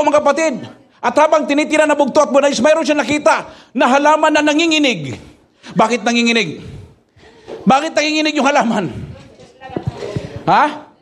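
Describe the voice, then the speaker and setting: Pastor guy with a real high voice preaching hard, lots of rhetorical questions, gets shouty. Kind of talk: sermon.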